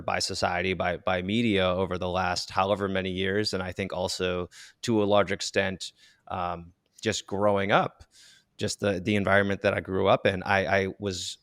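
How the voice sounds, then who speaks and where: A man's voice: low voice, a bit bright, no echo, clean studio sound. A man hosting a podcast, speaking in a reflective, hesitant way with many restarts. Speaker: podcast host. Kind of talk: casual interview chat.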